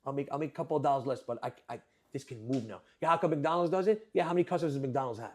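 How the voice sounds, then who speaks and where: A man's voice: mid-range voice, very fast, darkish tone. A young adult man and restaurant owner, chatting as a guest in an interview, who tells stories animatedly and acts out his customers and workers. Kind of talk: casual interview chat.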